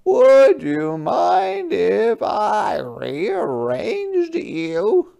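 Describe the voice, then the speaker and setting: A reader voicing a polite, gentle young male hermit crab in a storybook, with a slow, eager, wide-eyed delivery. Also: mid-range voice, huge pitch swings, creaky, pitched above the performer's own voice, exaggerated voice. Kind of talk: storybook character voice.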